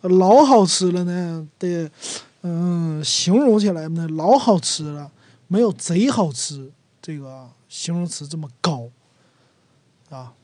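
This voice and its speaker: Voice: mid-range voice, expressive, slow pace, darkish tone, dry recording. A speaker from Northeast China with a Northeastern Mandarin accent, casually explaining local words and acting out sample phrases. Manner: chatty, acts out everyday sample phrases. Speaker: dialect explainer.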